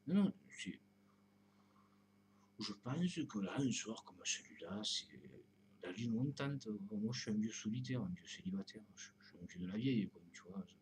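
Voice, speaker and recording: A video blogger addresses his own videos in a drifting, rambling spiritual monologue, repeating fillers like "tu vois" and often sinking to a whisper. His lowish, slightly mellow voice is animated and moderately paced, with slight background noise.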